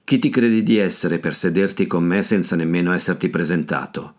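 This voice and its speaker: A man's voice: low-pitched, brisk, natural voice. A man reading the part of a surly, suspicious old man who growls his words in an audiobook. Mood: gruff. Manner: growling, blunt.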